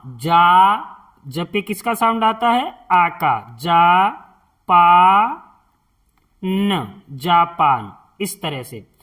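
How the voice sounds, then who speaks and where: A woman gives a reading lesson in a lowish voice, at a very slow and deliberate pace. She says each word and then repeats it. She explains the letters patiently, step by step. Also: fairly bright tone. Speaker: Hindi teacher.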